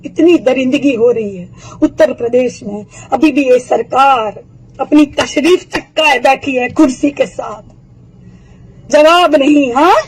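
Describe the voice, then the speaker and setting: A hoarse woman with a sore throat delivering a furious political video rant, taunting her targets with rapid-fire rhetorical questions. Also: high-pitched, a little mellow, low-quality recording.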